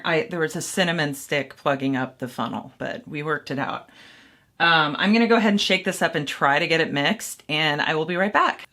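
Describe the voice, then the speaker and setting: A woman with a lowish, fairly bright voice makes mead at home for a casual how-to vlog. She guides the viewer step by step, rambling, thinking aloud and making self-deprecating jokes about her mistakes.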